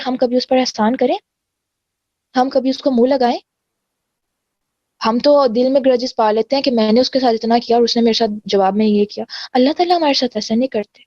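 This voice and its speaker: A woman's voice: sits high, darkish tone, no room sound, lo-fi sound. A woman teaching a religious lesson, explaining earnestly and mixing in English words. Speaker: Quran teacher.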